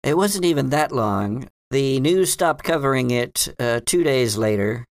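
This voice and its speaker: In a dry, studio-quality recording, a game master with a medium-pitched voice speaks a little slowly with lively intonation. Improvising in character during a tabletop roleplay, he plays a hesitant, bookish librarian who rambles and hedges earnestly, a touch dismissive.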